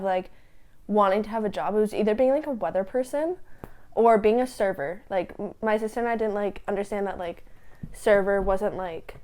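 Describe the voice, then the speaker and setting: A woman's voice: mid-range voice, darkish tone. Young woman rambling casually. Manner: rambling, heavy use of "like". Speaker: interviewee. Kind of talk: casual documentary interview.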